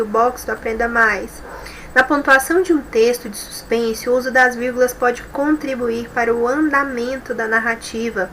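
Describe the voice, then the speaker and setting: A Brazilian woman teacher giving a recorded class lesson, reading from a textbook and explaining slowly, often tagging sentences with a questioning "né?". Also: a little high, pushed and bright, a little hiss or hum, low-quality recording. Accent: Brazilian Portuguese. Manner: explains slowly with frequent "né?" tags.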